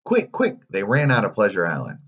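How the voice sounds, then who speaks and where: Animated man reading a storybook. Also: lowish voice, fairly quick, breathy edge, dull audio. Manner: animated, playful asides.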